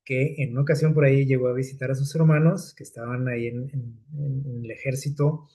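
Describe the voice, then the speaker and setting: A man's voice: mid-range voice, fairly even intonation, brisk, dark tone, husky. A man preaching a sermon in a conversational way, often checking in with "¿sí?" and "¿no?", with hesitant fillers and repeated words. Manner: conversational preaching with frequent rhetorical "¿sí?" and "¿no?".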